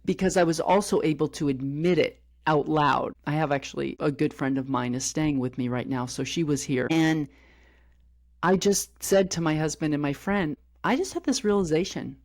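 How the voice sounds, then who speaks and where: A woman's voice: low voice, moderate pace, darkish tone. Middle-aged woman telling a personal story. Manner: open, personal storytelling with frequent reenacted dialogue. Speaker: podcast co-host. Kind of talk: candid podcast conversation.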